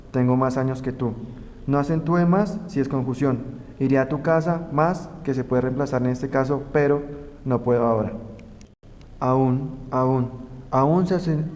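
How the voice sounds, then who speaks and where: A man's voice: medium pitch, a little mellow. Young man reading grammar rules, roomy sound. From Colombia. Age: young adult. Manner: slow, careful reading of rules and example words. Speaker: student presenter. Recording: roomy reverb, faint background noise.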